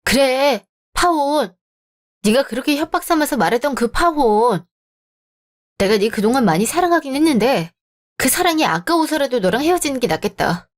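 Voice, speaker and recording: A woman's voice: sits high, animated, a little fast. A woman reading the part of a young woman who firmly breaks off her engagement, in a radio drama. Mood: resolute. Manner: firm, cold resolve. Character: fed-up young woman, the bride. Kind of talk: Korean story-channel radio drama reading.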